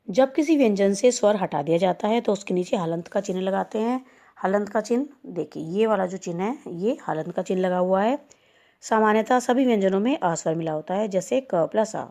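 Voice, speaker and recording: A woman teacher giving a recorded lesson to young schoolchildren, speaking slowly and spelling out each sound one by one. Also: mid-range voice, mellow. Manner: slow, explanatory, spelling out sounds. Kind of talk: recorded class lesson for children.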